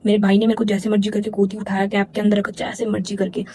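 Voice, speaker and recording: A woman's voice: medium pitch, completely flat delivery, fast talker, warm tone, a little hiss or hum, low-quality recording. A young woman vlogger telling a personal story in a casual, emotional way, repeating herself and slipping English words into her talk. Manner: emotional, repetitive retelling mixing Hindi and English. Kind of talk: storytime vlog.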